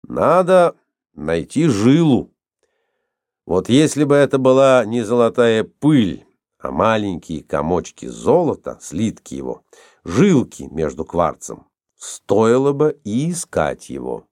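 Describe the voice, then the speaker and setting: A man reading a storybook, voicing a cool, sceptical older expert who speaks calmly and drily. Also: lowish voice, no echo, exaggerated voice. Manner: calm, dry, measured.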